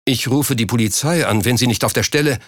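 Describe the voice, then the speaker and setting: A man's voice: mid-range voice, a little fast, dry recording, studio quality, lightly acted. A man reading an audiobook, voicing a flustered official who speaks in an anxious, indignant way. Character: flustered, panicky government official caught in scandal.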